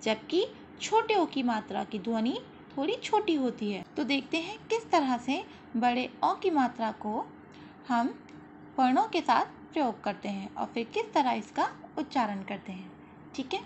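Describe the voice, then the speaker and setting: This high-pitched woman's voice swings widely in pitch as she patiently teaches young children a school lesson. She explains slowly, draws out syllables for them to repeat, and keeps checking in with "ठीक है" and "very good." The lo-fi audio is slightly dull, with a faint hiss.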